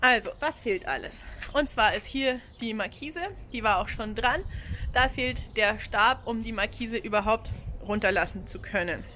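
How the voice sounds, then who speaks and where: A vlogger in her forties with an Austrian German accent gives a casual, frank walkthrough in and around a camper van outdoors, holding an action camera at arm's length and dropping frequent ums and small laughs. Her voice is fairly high, bright and forceful at a moderate pace, with slight hiss or hum.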